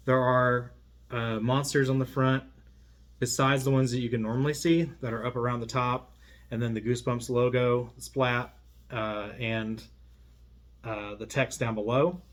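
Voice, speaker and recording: Here a man rambles conversationally and without a script while presenting an unboxing. His pitch is medium and his pace moderate; the audio is clear apart from a steady background hum.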